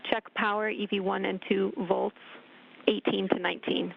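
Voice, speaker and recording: A woman at mission control reads out procedure steps in a steady, measured way over a crackly radio link. Her voice has a slight gravelly fry, and the thin, tinny line narrows it. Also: mid-range voice, no room sound. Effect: crackly radio communicator link.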